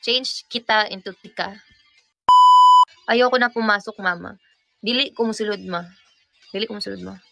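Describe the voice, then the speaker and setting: Playful and full of giggles, this young Cebuano-accented woman from the Visayas, a pop group member in her twenties, teaches everyday phrases while swapping languages at will. Her voice is medium-pitched and gravelly.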